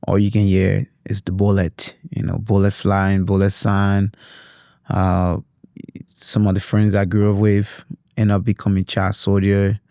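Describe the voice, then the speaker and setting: A man's voice: fairly low pitch, completely flat delivery, unhurried, gravelly, warm tone, no room sound, clean studio sound. A young man with a Liberian accent from Liberia, telling his story earnestly and reflectively as an interview guest, with frequent "you know" fillers. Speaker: youth advocate guest.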